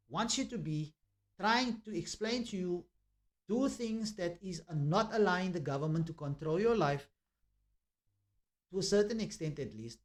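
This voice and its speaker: A man giving a preachy commentary monologue, repeating himself and filling pauses with ums. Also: sits high. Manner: preachy, repetitive, with many fillers.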